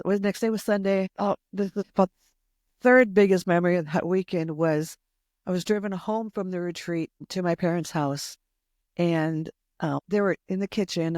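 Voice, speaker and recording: A woman's voice: on the low side, darkish tone, dry recording. Woman in her 60s, veteran youth pastor type; earnest, heartfelt testimony voice, recorded close and dry. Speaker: longtime youth pastor, guest. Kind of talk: personal faith testimony in conversation.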